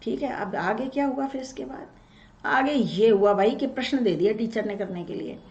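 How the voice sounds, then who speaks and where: Higher-voiced woman teaching a lo-fi class. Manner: explains slowly, asks and answers own questions; chants verses slowly. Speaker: Sanskrit teacher. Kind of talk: online class lesson.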